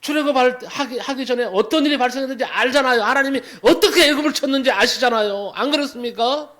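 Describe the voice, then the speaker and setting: A male pastor delivering a sermon, preaching dramatically with loud exhortations and hushed asides. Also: very high-pitched, fast talker.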